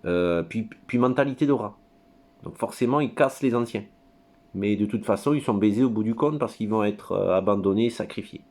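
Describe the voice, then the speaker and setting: A man with a very low voice talks on his own in front of his computer. His monologue is rambling and crude. He hesitates often, stumbles over fillers and wanders off into tangents. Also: moderate pace, a little mellow. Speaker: commentator.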